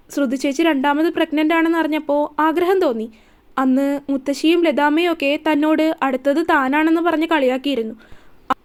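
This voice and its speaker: A woman narrating a serialized romance story in a steady, even storytelling manner. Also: high voice.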